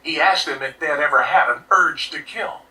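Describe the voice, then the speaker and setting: A man giving scripted true crime narration in a steady, serious way, played back from a video. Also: on the high side, moderate pace, recorded from a distance, low-quality recording. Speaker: documentary narrator.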